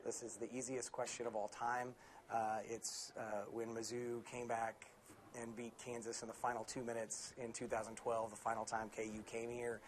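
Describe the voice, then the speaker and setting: Man, 40s, from Missouri, easygoing chat with fillers, medium pitch, slight background hiss. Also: moderate pace. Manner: relaxed, conversational, with fillers. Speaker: arena announcer and radio host. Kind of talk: interview answers.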